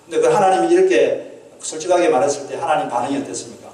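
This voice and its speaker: A man's voice: a little high, very fast, warm tone. A man preaching a sermon as pastor, earnestly asking the congregation questions and acting out quoted prayers. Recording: echoey hall, mic at a distance.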